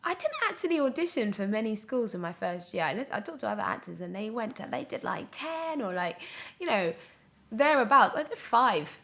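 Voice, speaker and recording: This young British woman's voice is a little high and a little fast, with a faint hiss or hum on the recording. A podcast guest and actor, she recounts anecdotes casually in an interview, giggling and acting out quotes, including her own.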